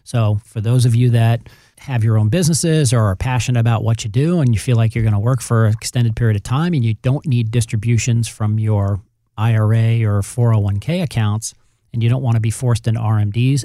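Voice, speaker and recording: A man's voice: medium pitch, brisk, dark tone, dry recording, clean studio sound. A man talking as a financial advisor, explaining things conversationally and addressing the listener directly with emphasis. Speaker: financial advisor on a radio show. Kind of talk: conversational advice talk.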